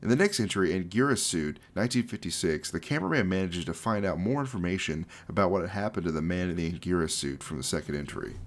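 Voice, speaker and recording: A young YouTube host explains a horror series in casual, jokey commentary, broken up by dramatic read-out passages. His deep voice is expressive and fast, with hardly any pauses.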